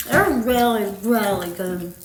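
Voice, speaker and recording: A woman's voice: medium pitch, lively intonation, takes it slowly. A woman giving short, casual reactions as a co-taster, chewing noisily as she talks. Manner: chewing noisily while talking. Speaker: co-taster in a candy review. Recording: roomy echo, faint background noise, clicks.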